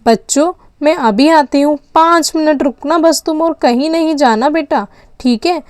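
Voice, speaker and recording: A woman's voice: sits high, measured pace, darkish tone, dry recording, clean studio sound. A woman narrating a doll story and voicing the mother, in a chatty, motherly, warning tone. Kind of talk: doll story role-play.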